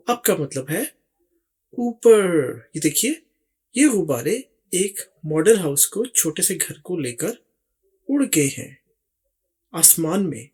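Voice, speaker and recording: Slow, husky-voiced English teacher. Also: mid-range voice. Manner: slow, deliberate explaining, spelling words out letter by letter. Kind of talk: narrated language lesson.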